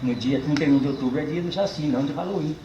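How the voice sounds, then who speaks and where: Older man, caipira accent, cordel poet, folksy, animated, drawn-out words, echoey room, faint background noise. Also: on the high side, highs cut off. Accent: caipira, São Paulo countryside. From Brazil. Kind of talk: casual talk to a tour group.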